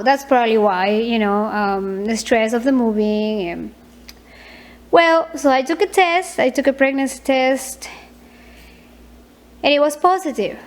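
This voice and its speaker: A woman in her thirties talking in a personal vlog, soft and hesitant, with many fillers and repeated words. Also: on the high side. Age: 30s. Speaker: vlogger.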